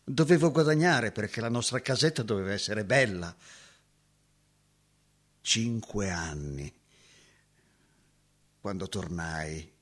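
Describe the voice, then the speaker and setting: A lonely, haunted man who mourns a lost love. He tells his story slowly and wistfully. His pitch swings widely as the feeling shifts, in the manner of a stage drama. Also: animated. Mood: reminiscing. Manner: wistful storytelling with sudden anguished outbursts.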